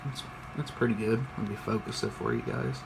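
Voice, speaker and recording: A man's voice: lowish voice, very animated, brisk, creaky, a little hiss or hum. A tired young man vlogging his PC build, rambling casually, swearing often and poking fun at himself. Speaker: PC hobbyist vlogger. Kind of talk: casual off-the-cuff show-and-tell.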